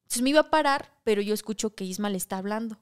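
Smooth-voiced Mexican woman telling a story. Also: medium pitch, racing. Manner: animated, crude slang-heavy storytelling. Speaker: podcast co-host. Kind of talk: casual storytelling chat.

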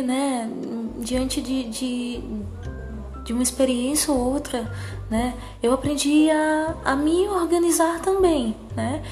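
Casting: woman, higher-pitched cutesy soft voice, slow and gentle personal monologue, music underneath. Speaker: psychologist.

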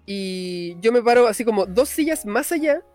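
Young Chilean man, high voice, rapid slangy storyteller, faint music bed. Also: lively intonation, darkish tone. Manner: fast slangy storytelling, frequent "cachai" tags. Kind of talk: casual storytelling chat.

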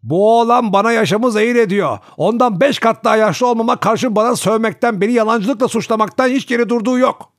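A man voicing a bitter, spiteful old coachman who shouts in a shrill, raised voice. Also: a little fast, few pauses, no echo, clean studio sound. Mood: furious.

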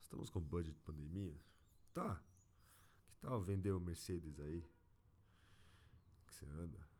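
This man has a deep, somewhat dark voice and speaks at a measured pace with a Brazilian Portuguese accent. Playing an agency owner who's had enough of his clients, he vents in a casual, slangy monologue, frustrated and exasperated.

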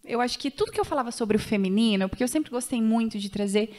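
A young Brazilian woman guest on a podcast, telling a story in an animated, chatty way with many fillers and restarts. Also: a little high, quick pace. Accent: Brazilian Portuguese. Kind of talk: casual chat.

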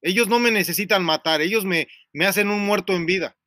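A man's voice: high-pitched, a little fast, bright, forceful tone, dry recording, studio quality. A Mexican man hosting a radio talk show, rambling and joking with profanity as he tells stories.

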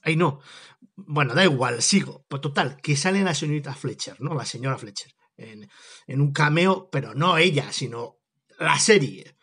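A man's voice: fairly high pitch, lively intonation, moderate pace, fairly bright tone, husky. Chatty, jokey man rambling. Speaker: podcast host. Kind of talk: casual rambling monologue.

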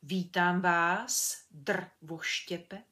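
A woman voicing a stern, impatient male sultan who gives loud commands in a children's storybook reading. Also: on the low side, fairly even intonation. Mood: welcoming.

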